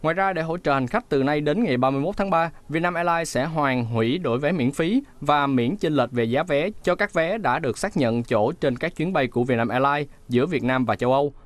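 Guy doing news voice-over, steady and measured, dead dry booth sound. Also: on the high side, no room sound. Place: studio booth.

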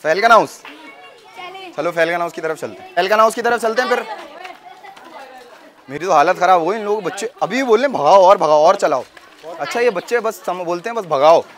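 A young man from Pakistan filming a joking vlog outdoors, excitable and often shouting at the kids around him. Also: sits high, fast, long pauses, a faint crowd. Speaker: vlogger. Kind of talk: casual vlog commentary. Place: outdoors on a busy street.

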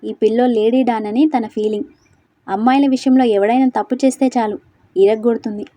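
A woman's voice: a little high, steady tone, brisk, dark tone, no echo, natural voice. A woman voicing a wary, gossipy male lecturer in a storybook reading, explaining the campus scandal.

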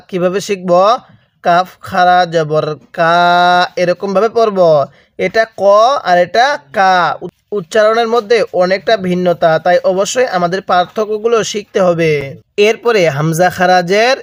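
A man with a Bangladeshi Bengali accent and a high-sitting voice teaches how to pronounce Quran letters in a slow recitation lesson, recorded without echo. He patiently goes over each letter slowly in call-and-repeat drills, asking viewers to read along and repeat after him.

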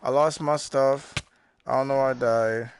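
A young man streaming a video game, chatting and joking casually with a friend and often breaking into excited, high-pitched yells and laughter. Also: a little slow, a crowd in the background. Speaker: gaming streamer. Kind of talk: casual gaming chat with a friend.

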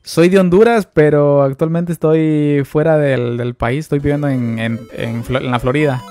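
A man's voice: on the high side, moderate pace. Chatty Mexican man streaming live. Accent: Mexican Spanish. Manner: chatty, greets viewers, excitable exclamations. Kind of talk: live gameplay commentary.

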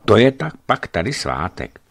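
A weary desert outpost commander lists his hardships in a plain, resigned tone, read by a male narrator. The voice is deep and unhurried, barely set apart from the reader's own. It is part of a spoken travel book. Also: big pitch swings, creaky, full character voice.

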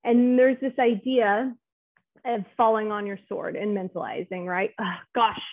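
A woman therapist gives a relaxed, chatty presentation, often turning to her listeners with a quick "right?". Her voice sits at an ordinary middle pitch. It comes through a thin, phone-like video call line. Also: gravelly, dry recording. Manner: chatty, keeps asking "right?" to check in with listeners. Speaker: clinical social worker presenting to clinicians. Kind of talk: conversational webinar presentation. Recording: tinny phone-like audio.

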